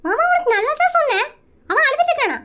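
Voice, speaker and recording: A woman's voice: very high-pitched, big pitch swings, quick pace, noisy background. A woman voicing a strict, bossy village mother and wife in a cartoon comedy, scolding in a rural Tamil Nadu accent. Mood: stern.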